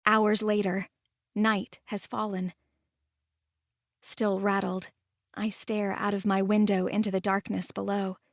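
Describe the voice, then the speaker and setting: A woman narrating a first-person story in a calm, measured way and voicing the lead. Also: medium pitch, dry recording, clean studio sound.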